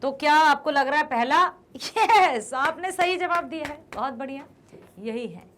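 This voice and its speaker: Lively, high-voiced woman teacher. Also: unhurried, a little hiss or hum. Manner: encouraging, asks questions and praises answers; stresses careful pronunciation. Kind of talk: Hindi quiz lesson for students.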